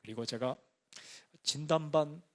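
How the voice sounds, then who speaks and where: A middle-aged male pastor preaching in a conversational, storytelling way, now and then breaking into excited exclamations. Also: fairly high pitch, unhurried. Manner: conversational storytelling, bursts into excited singing and shouting. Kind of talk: sermon.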